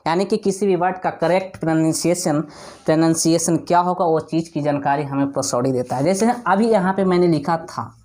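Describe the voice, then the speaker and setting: Man, teacher, classroom lesson, explanatory, repeats words slowly for drilling. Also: a little high, warm tone. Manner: explanatory, asks and answers his own questions. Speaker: English teacher.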